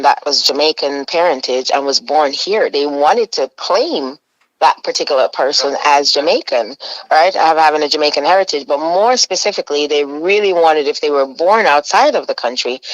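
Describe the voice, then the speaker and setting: Low-voiced woman on speakerphone. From Caribbean. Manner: measured, explains point by point, checks in with "right?". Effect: on speakerphone over a phone line. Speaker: phoned-in guest. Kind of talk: live radio talk phone call.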